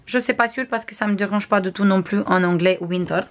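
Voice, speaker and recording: A woman's voice: mid-range voice, fairly quick. Chatty woman with a non-native accent. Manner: chatty, frequent hesitations, shows items to camera. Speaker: crafts vlogger. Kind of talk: casual unboxing review.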